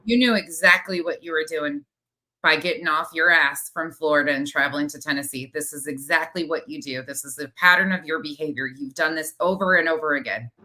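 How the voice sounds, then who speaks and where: Over poor audio, a woman hosting a true crime commentary show talks briskly in a low, pushed, bright voice. She gives exasperated, critical live commentary on the clips being played, swearing now and then.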